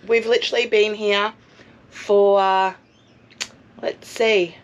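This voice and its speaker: A hoarse woman, chatting casually and poking fun at herself in a travel vlog, outdoors at a caravan park. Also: medium pitch, flat delivery, slow. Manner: chatty, self-mocking. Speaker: travel vlogger. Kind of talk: casual chat.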